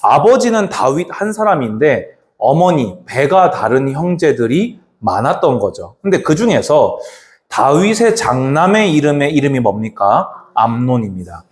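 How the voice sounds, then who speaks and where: A man preaching a sermon as pastor, slowing down to stress scripture and asking the congregation questions. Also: medium pitch, sing-song.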